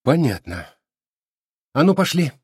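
A man's voice: a little high, sing-song, measured pace, darkish tone, husky, dry recording, studio quality, pitched above the performer's own voice, full character voice. A man voicing a brash, sarcastic young male artist who speaks bluntly.

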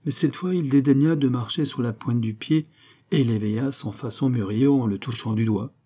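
A man narrating a classic novel in a measured, dramatic reading. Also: mid-range voice, dark tone. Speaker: audiobook narrator.

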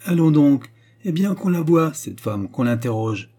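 A man's voice: fairly low pitch, fairly even intonation, fairly quick, dark tone, a little hiss or hum, lightly acted. A man reading aloud and voicing an agitated, offended king who gives stern orders. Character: troubled, offended middle-aged king.

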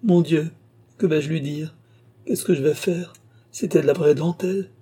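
A man reading aloud, voicing a timid, anxious young seamstress girl in a storybook with a soft, hesitant manner. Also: mid-range voice, normal speed, breathy edge. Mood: tearful.

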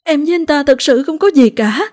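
A woman voicing a terrified young wife who begs her husband for mercy, pleading in a high, tearful voice. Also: fairly quick, darkish tone, close to an everyday voice. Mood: desperate pleading.

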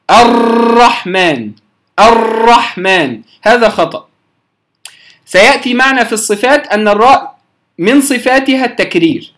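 A man with an Egyptian accent teaching Quran recitation, explaining patiently, often checking that students follow and slowing down to demonstrate sounds. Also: sits high, fairly bright tone. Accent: Egyptian Arabic. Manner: slows down to demonstrate pronunciation. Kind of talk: tajweed lesson.

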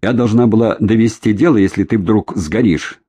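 A man reading an audiobook, voicing an angry, shrill female agent who curses and gives orders. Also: normal speed, warm tone, breathy edge. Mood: furious. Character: furious cornered female agent.

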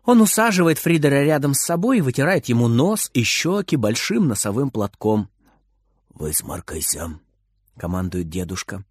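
Lively male storybook narrator. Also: fairly high pitch, fairly quick, hardly any pauses, dry recording, clean studio sound. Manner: expressive, animated reading.

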